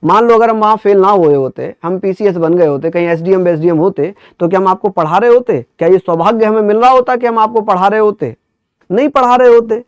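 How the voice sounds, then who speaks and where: A man's voice: high voice, a little fast, clear, resonant tone, no echo. A man teaching a history lesson to exam students, drilling facts by asking and answering his own questions, with chatty asides. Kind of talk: online exam-prep lecture.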